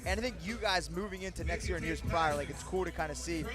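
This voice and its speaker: Quick joking male host, high voice. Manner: joking, hypes up guests. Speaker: podcast host. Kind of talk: live show hosting. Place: outdoor street event. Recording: music playing behind. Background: music.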